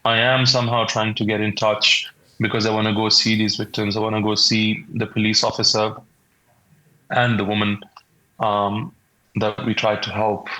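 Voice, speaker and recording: A man in his twenties with a Pakistani accent, giving a shaken, halting eyewitness account in an interview. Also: lowish voice, little pitch movement, sharp tone, low-quality recording. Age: 20s. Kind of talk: interview account of a traumatic event.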